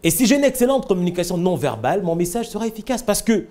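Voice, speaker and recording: A man leads a public speaking lesson in a high, mellow voice. He teaches emphatically, putting on little scenes and firing rhetorical questions at his listeners. He chuckles now and then as he explains. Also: fast. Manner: emphatic, lively delivery with acted-out examples and rhetorical questions.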